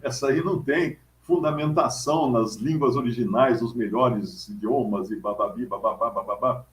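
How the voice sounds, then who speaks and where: A man's voice: medium pitch, moderate pace, close to an everyday voice. A man doing a pedantic young pastor. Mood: condescending. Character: young know-it-all male pastor, lecturing. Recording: roomy echo.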